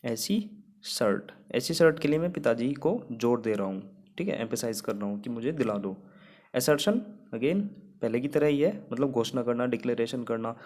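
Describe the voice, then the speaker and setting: A man's voice: mid-range voice, fairly quick, a little mellow. A young man teaching English vocabulary in Hindi. He explains each word patiently and builds a memory trick around it.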